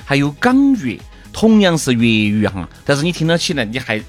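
A man co-hosting a casual chat show, telling wry stories and giving gentle advice. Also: mid-range voice, big pitch swings, moderate pace, faint music behind. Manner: wry storyteller, moralizing, laid-back. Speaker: podcast co-host.

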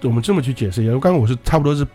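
A man's voice: medium pitch, lively intonation, rapid-fire, dark tone, breathy edge, soft background music. A man co-hosting a podcast, retelling listener horror stories in a chatty, loose way and laughing often. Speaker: podcast co-host.

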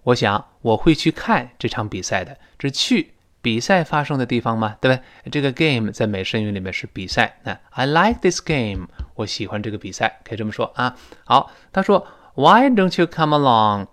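A man with a Mandarin Chinese accent teaching a spoken English lesson, patiently explaining and slowly modelling phrases for students to repeat. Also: medium pitch, fairly bright tone.

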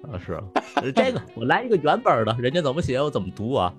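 A man in casual chat, telling crude jokes, swearing freely and laughing loudly at his own punchlines. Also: medium pitch, huge pitch swings, fast, faint music behind.

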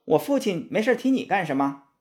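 A man voicing an arrogant, fiery child demon king in a storybook reading, shouting and defiant. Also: sits high, big pitch swings, fairly quick, voice pushed up. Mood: scornful.

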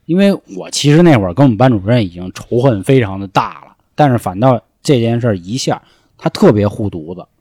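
Lively guy telling school stories. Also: medium pitch, fairly quick, slightly rough, no room sound. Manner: animated, swears freely, acts out shouts in the story. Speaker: storyteller guest. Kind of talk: casual storytelling chat.

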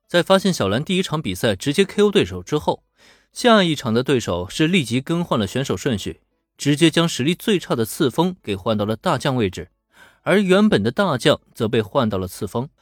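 A man tells a serial story a little fast in a mid-range voice, keeping it chatty, lively, and full of colloquial asides. The studio recording is clean with no room sound, and faint music sits underneath.

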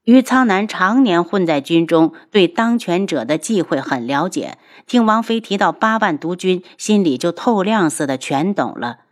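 A woman narrating a web novel audiobook in a steady storytelling read. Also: fairly low pitch, moderate pace, hardly any pauses.

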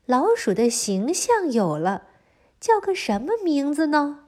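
A woman narrating a story for young children in an animated, explaining manner, often putting questions to the listeners. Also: high voice, a little slow. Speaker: storyteller of a children's history podcast.

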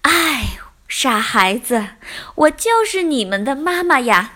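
A woman voicing a warm, patient mother frog who speaks in a tender, reassuring way. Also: high voice, sing-song, takes it slowly, heavily acted.

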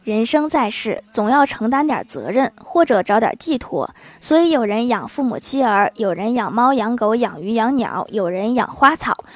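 A woman's voice: a little high, lively intonation, normal speed, hardly any pauses, no room sound. Playful woman host telling jokes. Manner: playful, teasing asides after each joke. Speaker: podcast host. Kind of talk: reading jokes and listener comments.

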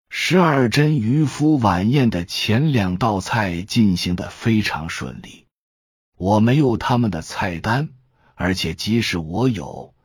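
Male audiobook narrator, low, husky, slow, dry close sound. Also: dry recording.

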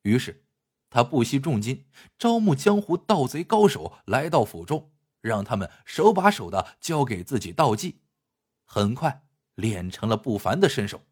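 A man telling a historical legend with dramatic, expressive narration. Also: medium pitch, measured pace, husky. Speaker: storyteller.

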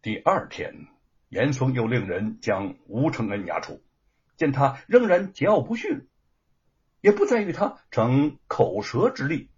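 Slow husky male storyteller, dramatic swooping reading. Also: mid-range voice. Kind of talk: serialized novel narration. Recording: dull lo-fi recording.

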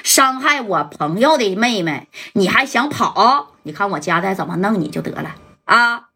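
A woman's voice: medium pitch, animated, moderate pace, vocal fry, bright, forceful tone, husky, full character voice. Woman voicing a cool, coldly threatening gang leader. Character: cool-headed male gang leader calling a bluff.

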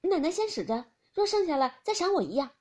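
A woman reading aloud as a tactful young maid who answers softly and obligingly. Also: extremely high pitch, very animated, quick pace, voice pushed up.

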